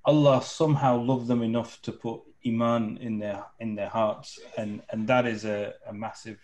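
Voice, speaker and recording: A man moderating a live Q&A, reading out questions and chatting in a relaxed, good-humoured way. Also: mid-range voice, normal speed, poor audio. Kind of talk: reading questions, casual chat.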